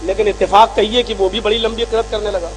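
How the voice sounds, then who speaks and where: A man preaching a sermon, telling stories in dialogue and rising to shouted emphasis. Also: high voice, little pitch movement, fast, slight background noise, low-quality recording. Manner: retells arguments in dialogue. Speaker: Islamic preacher. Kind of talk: sermon with storytelling.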